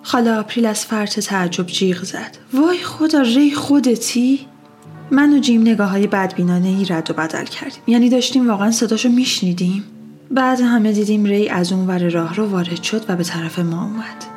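A woman narrating eerie stories in a soft, hushed voice. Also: mid-range voice, faint music behind. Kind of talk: storytelling narration.

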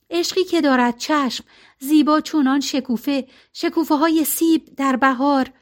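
Woman, audiobook narrator, high-pitched, calm steady reading, colloquial phrasing. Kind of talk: novel read aloud.

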